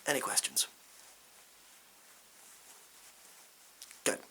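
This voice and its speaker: A man playing a bumbling, self-important supply science teacher in a whispered role-play, hesitant and rambling, with deadpan asides. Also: quick pace. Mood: patronising. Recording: hissy background noise.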